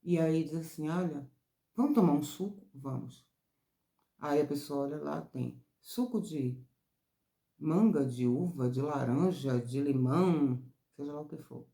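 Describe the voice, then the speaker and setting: A woman therapist from Brazil, explaining character traits in a casual teaching talk, expressive, getting higher and louder when excited. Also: unhurried, vocal fry. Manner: expressive, rises high and loud when excited. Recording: roomy echo.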